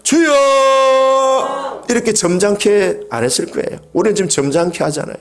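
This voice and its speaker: A middle-aged male pastor delivers a Sunday sermon in a fairly high voice that leaps up and down. He talks calmly at times and then rises to loud, impassioned cries. He has the congregation repeat phrases after him. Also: fast talker. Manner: swings from calm talk to loud impassioned cries; leads the congregation in call-and-response.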